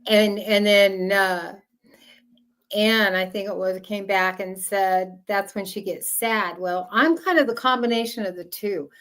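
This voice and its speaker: A woman chatting casually in a halting way, repeating words as she goes. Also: mid-range voice, fairly even intonation, a bit bright. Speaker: small farmer. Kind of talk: casual chat.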